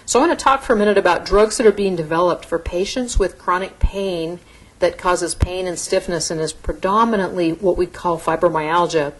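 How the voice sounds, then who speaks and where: Middle-aged woman doc lecturing a crowd, lowish voice, chatty and explaining, stops and restarts sometimes. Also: poor audio. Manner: explanatory, conversational, occasional restarts. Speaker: physician lecturer. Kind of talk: medical lecture to an audience.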